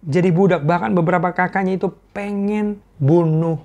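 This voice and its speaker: A man giving an informal sermon-style talk, earnest and repetitive for emphasis, asking his audience questions and clearing an irritated throat. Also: high-pitched, steady tone, normal speed, a little mellow, dull audio.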